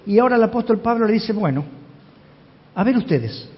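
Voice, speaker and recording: A man's voice: high voice, animated, a little fast. A man, a pastor giving an expository sermon and emphatically asking the congregation questions. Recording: reverberant hall, dull lo-fi sound.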